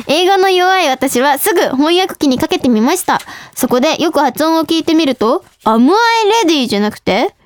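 A young woman hosts a casual radio show, reading out listener letters and chatting between them. Her voice sits high, and she talks in an animated, bubbly way, often dissolving into giggles. The sound is dry, with no room echo. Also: normal speed, hardly any pauses.

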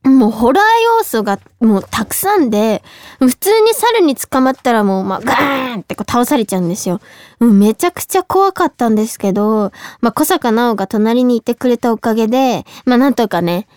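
A young woman chats as a radio host, fast and excitable. Her voice sits a little high. The studio sound is close and dry. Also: no room sound. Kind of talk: casual radio chat. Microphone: studio microphone.

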